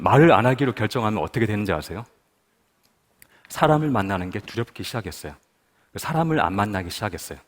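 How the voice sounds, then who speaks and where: In a hall, a man from Busan, South Korea, invited to speak at a prayer meeting, gives a lively personal testimony in a mid-range voice, telling his story and asking the listeners questions.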